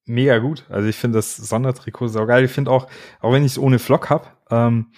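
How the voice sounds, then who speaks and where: A man's voice: mid-range voice, flat delivery, normal speed, a little mellow, no echo, clean studio sound. A man co-hosting a casual football podcast, enthusiastic and slangy. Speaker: podcast co-host.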